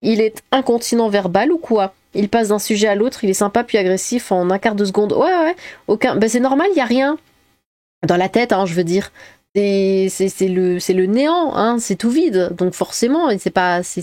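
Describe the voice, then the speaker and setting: A woman's voice: medium pitch, expressive, normal speed, darkish tone, no room sound. A woman streaming live, giving blunt, opinionated reaction commentary with rambling asides while reading chat aloud, on a close desk mic.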